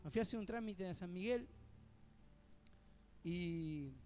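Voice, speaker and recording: A middle-aged man from Argentina with an Argentine accent, preaching a sermon in a conversational way. He asks "¿sí?" often, calls listeners "hermano", and swells loud when he quotes scripture. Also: high voice, a little slow, faint music behind. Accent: Argentine Spanish (Buenos Aires area). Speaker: co-pastor. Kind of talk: sermon with personal anecdotes.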